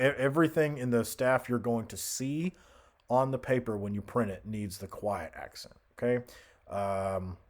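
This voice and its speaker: A man giving a casual software tutorial as an instructor, hesitant and thinking aloud as he goes. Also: deep voice.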